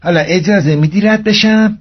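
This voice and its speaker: A man voicing a calm, polite male army commander with an easygoing, coaxing manner, in a dull lo-fi recording. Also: high voice, pitched above the performer's own voice.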